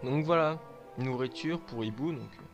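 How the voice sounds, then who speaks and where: A man's voice: medium pitch, moderate pace, dull audio, music in the background. Hesitant French man from Lorraine. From Lorraine, France. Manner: hesitant, many filler sounds. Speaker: vlogger showing his handmade collection. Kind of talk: casual show-and-tell.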